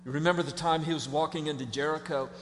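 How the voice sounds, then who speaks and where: A male pastor delivers a sermon with a high voice and dramatic swings between hushed tones and shouts. His words ring out in a large church. A long reverb trails behind each phrase. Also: fairly even intonation, fast, slight background noise.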